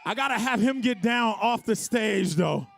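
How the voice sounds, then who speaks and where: A man's voice: sits high, expressive, moderate pace, gravelly, no echo. A man hosting a live dance contest as a hype announcer, urging the crowd on with exuberant calls and repeated phrases. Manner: exuberant, shouted exhortations with whoops and repeated phrases. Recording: loud music behind the voice.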